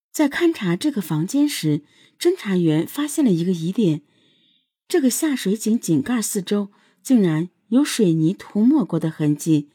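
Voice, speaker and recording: Female true crime narrator, scripted and suspenseful, with a mellow, slightly husky voice. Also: mid-range voice, no echo, studio quality.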